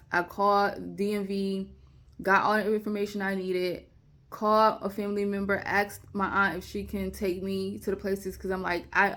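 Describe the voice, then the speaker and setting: A young woman, telling a personal story to camera and acting out phone calls in lively retellings. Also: medium pitch. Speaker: vlogger.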